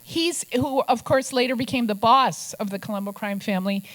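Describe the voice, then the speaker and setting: Speaking at a moderate pace in a fairly high pitch, an older woman from Minnesota shares stories with a press club audience. She's an investigative journalist who favors wry asides and imitates quoted people with gruff voices.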